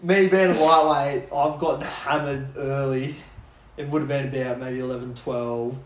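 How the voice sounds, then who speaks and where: A man's voice: mid-range voice, fairly even intonation, moderate pace. A young man with an Australian accent chatting as a podcast guest in a blokey, laconic, slangy way. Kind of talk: casual chat and anecdote. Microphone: phone lying on table. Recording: echoey room, faint background noise.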